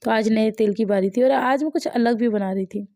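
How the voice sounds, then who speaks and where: A woman's voice: on the high side, a little fast, dark tone, dry recording, clean studio sound. A woman from India, a mother chatting casually over her family vlog, wry and self-mocking, laughing often.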